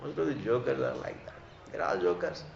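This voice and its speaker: A man's voice: mid-range voice, brisk, gravelly. A man with an Indian accent giving a religious discourse as a spiritual teacher, didactic and emphatic, repeating phrases and posing rhetorical questions. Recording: echoey room, slightly dull sound.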